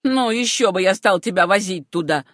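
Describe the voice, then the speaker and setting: Brief: woman reading a harsh, bullying uncle, loud and contemptuous, dry close audiobook sound. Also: mid-range voice, moderate pace, no echo, natural voice. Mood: angry scolding. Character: stern angry middle-aged uncle, scornful and bullying.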